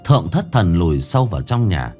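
A man telling a ghost story in a low voice with lively, swinging intonation. His delivery is dramatic and builds suspense, with faint music underneath. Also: a little fast, breathy edge. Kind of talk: scripted horror narration.

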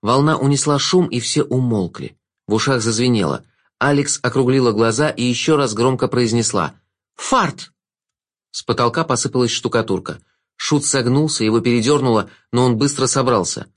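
A man narrating a fantasy audiobook, with expressive storytelling. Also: medium pitch, brisk.

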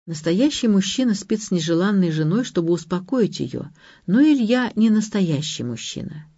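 A woman's voice: mid-range voice, sing-song, normal speed, warm tone, breathy edge, no room sound, highs cut off. A woman narrating a first-person audiobook in an emotional, confessional way.

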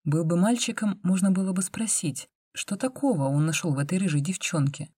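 A woman narrating an audiobook in an even, measured way. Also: fairly low pitch, breathy edge, no room sound, studio quality. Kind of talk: audiobook reading.

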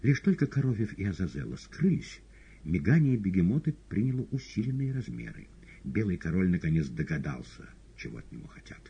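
A man reading an audiobook novel in a calm, steady narration. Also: low-pitched, brisk, vocal fry, husky. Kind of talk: scripted narration. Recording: dull lo-fi audiobook recording.

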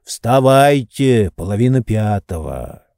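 A man reading an audiobook, voicing a stubborn old male manservant who coaxes and mutters complaints slowly. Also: lowish voice, sing-song, darkish tone, no echo, studio quality. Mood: insistent. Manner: slow, coaxing, muttering complaints. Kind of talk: audiobook character voice.

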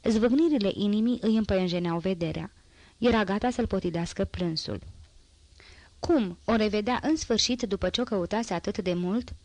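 A woman narrating a novel as an audiobook, reading in a steady, even way. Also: mid-range voice, dry recording.

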